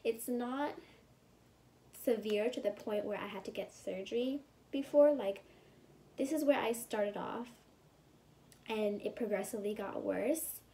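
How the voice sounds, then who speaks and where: This young California vlogger talks about recovering from surgery in a warm, medium-pitched voice, speaking a little slowly and pausing often. She rambles casually with plenty of fillers, sounds congested at times, and sometimes whispers.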